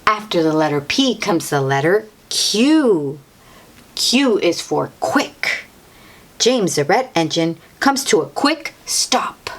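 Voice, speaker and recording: Reading a picture book for children, this woman uses a lowish, sing-song voice and goes slowly. She has a teacherly style, dwelling on important words by repeating and emphasizing them and addressing the child listening.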